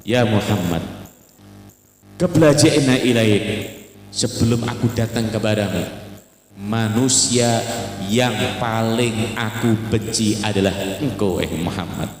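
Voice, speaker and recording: A man voicing an angry man carrying a sword who shouts for someone, his voice high and strained. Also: lively intonation, unhurried, long pauses. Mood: confessing. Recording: echoey hall with faint music.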